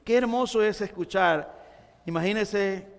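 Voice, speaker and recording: Man pastor, high voice, emphatic repetitive sermon delivery, long church reverb. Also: measured pace, vocal fry. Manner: emphatic, repetitive preaching addressing the congregation. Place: church sanctuary.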